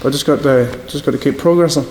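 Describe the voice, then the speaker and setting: This young Scottish man, a boxer with a northeast English accent, speaks a little high and quickly, his tone on the dark side. He tells rambling stories in a casual interview, leaning on "do you know what I mean" again and again. Faint background noise sits in the echo of a hall.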